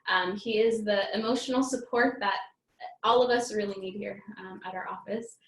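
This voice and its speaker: A woman's voice: medium pitch, fairly even intonation, moderate pace, echoey room, rough recording. A woman immigration attorney presenting slides in a live webinar, talking hesitantly with many filler ums and restarts. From United States (born in Iraq, raised in the US from age four).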